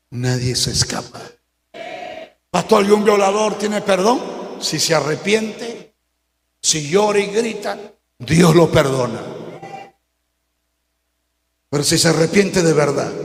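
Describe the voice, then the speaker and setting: A male pastor preaching a sermon, swinging between hushed lines and shouted warnings. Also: sits high, echoey room, long reverb tail.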